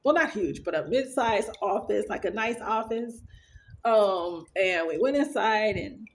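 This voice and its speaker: A woman's voice: mid-range voice, lively intonation, measured pace. Earnest woman rambling through a story. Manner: rambling, with many fillers and restarts. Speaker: vlogger sharing her dreams. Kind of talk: casual storytelling to camera.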